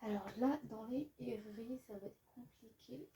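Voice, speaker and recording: A woman chatting casually in a vlog about her book collection, hesitant, with many pauses and fillers, sometimes dropping to a near-whisper. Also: fairly high pitch, background noise.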